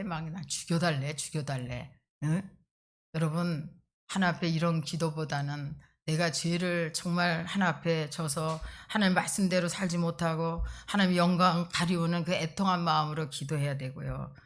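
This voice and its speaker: A middle-aged woman pastor preaching a sermon in an emphatic, conversational way, tossing in quick rhetorical asides to the congregation. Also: fairly low pitch.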